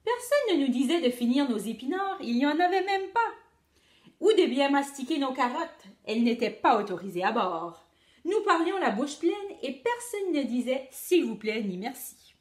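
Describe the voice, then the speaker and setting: A teacher reading a picture book aloud to children, expressive and addressing the young listeners directly. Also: female voice, high-pitched, moderate pace, echoey room. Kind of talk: children's storytelling read-aloud.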